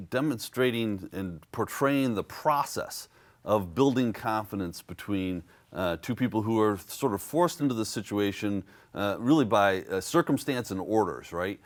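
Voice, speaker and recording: A man hosting a public affairs interview show, asking measured questions with frequent fillers. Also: on the low side, expressive. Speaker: host.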